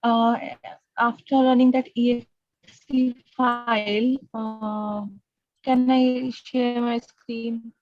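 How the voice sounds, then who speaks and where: A woman's voice: on the high side, flat delivery, slow pace, no echo. Woman on a choppy, breaking call. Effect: choppy, breaking-up call audio. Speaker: student. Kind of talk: online class call. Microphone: computer on a video call. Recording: dull lo-fi video call line.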